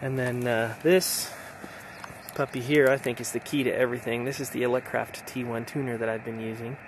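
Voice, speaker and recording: A brisk, medium-pitched male voice with little pitch movement belongs to a middle-aged American man vlogging about amateur radio. Outdoors in hilly backcountry, he gives a casual, enthusiastic summary, and outdoor noise sits in the background.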